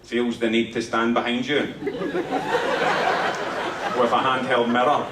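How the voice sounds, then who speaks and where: A Scottish man in his thirties works through a live stand-up set, conversational and punchy, with plenty of swearing. He sounds a little distant from the mic, and the theatre rings with echo. Audience noise sits clearly underneath him. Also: mid-range voice, little pitch movement, unhurried, a loud crowd. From Scotland. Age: 30s. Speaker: stand-up comedian. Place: theatre stage before a laughing audience.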